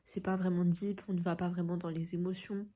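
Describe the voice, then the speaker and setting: A woman's voice: on the low side, little pitch movement, a little fast, mellow. A woman chatting casually in a reading vlog, informal and rambling, with a stuffy, nasal voice as if sick with a cold. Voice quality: nasal, congested voice from being ill. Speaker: book vlogger.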